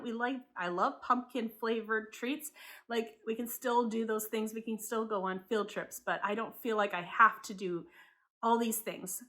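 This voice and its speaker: Bright-voiced woman vlogging casually. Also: a little high. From Taiwan. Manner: chatty and candid, thinking aloud with hedging asides. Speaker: homeschool vlogger. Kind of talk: casual talk to camera.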